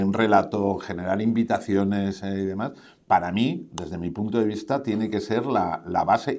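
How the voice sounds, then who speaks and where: A man's voice: deep voice, a little mellow. A man speaking on a conference panel, answering questions in a rambling way with many fillers and tag questions. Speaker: panel speaker on podcasting and advertising. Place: conference stage.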